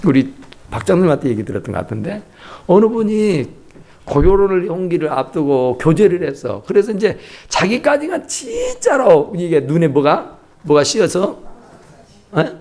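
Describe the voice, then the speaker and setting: A man's voice: sits high, normal speed. A man preaching a sermon, telling stories animatedly and acting out voices. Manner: animated storytelling with acted-out voices. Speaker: pastor. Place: church sanctuary.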